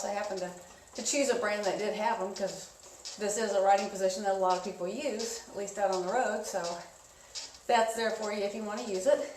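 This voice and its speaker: A woman instructing an indoor spin class in a casual, conversational coaching style, giving gently encouraging cues. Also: medium pitch. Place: indoors, echoey room. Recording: echoey room, distant mic, clear noise.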